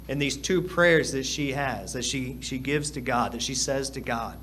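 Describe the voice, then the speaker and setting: Earnest male preacher, fairly high voice. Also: fairly bright tone, a little hiss or hum. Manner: earnest, repeats phrases for emphasis. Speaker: pastor. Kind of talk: sermon. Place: church hall.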